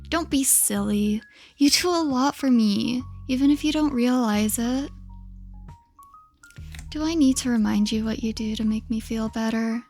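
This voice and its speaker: A woman acting as an affectionate, lonely girlfriend in a soft, intimate ASMR role-play of a late-night call. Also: on the high side. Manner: soft, tender, intimate, giggly.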